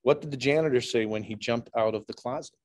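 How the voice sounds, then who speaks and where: A man's voice: medium pitch, fast, darkish tone, slight background noise. A middle-aged man giving a humorous prepared speech, telling dad jokes with setups and punchlines to a speaking club. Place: large indoor meeting room with low ceiling.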